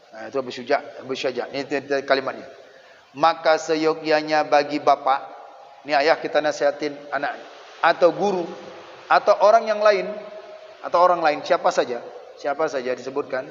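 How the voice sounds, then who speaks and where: A man gives a mosque study lesson in a fairly high voice, animated and quick to act out the people in his stories. The sound is dull and lo-fi, with a long echo off a big hall. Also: slight background noise. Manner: animated, acts out children and parents in quick asides. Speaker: religious teacher.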